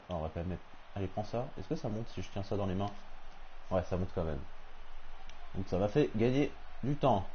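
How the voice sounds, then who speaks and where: A man giving casual live commentary on a wrestling game, talking excitedly to the opponent on screen. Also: fairly low pitch, slight background noise. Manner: excitable, talks to the opponent, frequent exclamations. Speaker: gamer streaming a wrestling game. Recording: slightly dull lo-fi stream audio with faint game sound.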